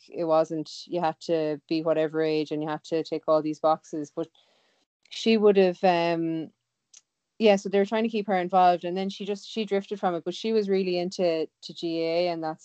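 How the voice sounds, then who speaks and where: A woman's voice: fairly low pitch, dark tone, clean tone, dry recording. A woman in her thirties with a west of Ireland accent, chatting casually and informally in a slightly dull recording. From Galway, west of Ireland. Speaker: interview guest, sea swimmer. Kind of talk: casual chat.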